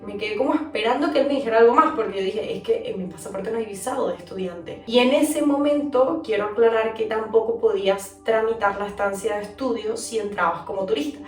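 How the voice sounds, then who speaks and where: A young adult woman from Venezuela, telling a personal story in a chatty, animated vlog. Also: a little high, fairly quick, hardly any pauses. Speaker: vlogger telling her story. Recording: echoey room, mic at a distance, soft music.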